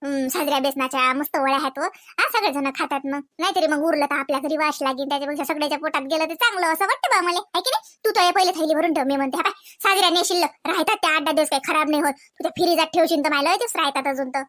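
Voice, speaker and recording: An actor voices a fussy, chatty cartoon village woman with a rural Varhadi Marathi accent from Vidarbha, speaking in a high pitch with rapid, bright delivery. She is bossy yet generous, nagging in colloquial style and repeating questioning tags throughout comedic household chat in a rural cartoon.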